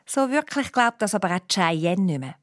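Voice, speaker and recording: A woman with a Swiss German accent narrating a children's story in a lively way, acting out the characters. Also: medium pitch, normal speed, no room sound, studio quality, soft background music.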